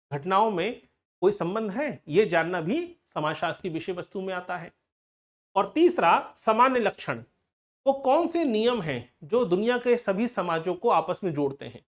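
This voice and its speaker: Exam-coaching lecturer, mid-pitched voice, rhetorical questions, direct warnings to students. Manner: explains with everyday examples and frequent rhetorical questions; direct, cautioning address to students. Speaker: sociology exam-prep teacher.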